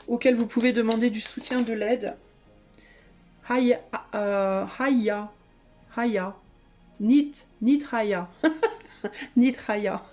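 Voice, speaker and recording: A woman's voice: fairly high pitch, a little mellow. A woman giving a casual tarot reading to her viewers, chatty and hesitant, with many fillers and restarts. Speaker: tarot reader.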